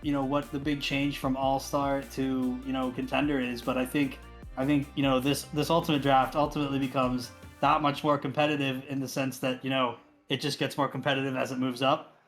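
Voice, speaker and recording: A man's voice: medium pitch, little pitch movement, brisk. A man co-hosts a live game draft in a loose, chatty way. He rambles upbeat through fillers and restarts. Faint music plays underneath. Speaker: draft co-host. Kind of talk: casual esports commentary.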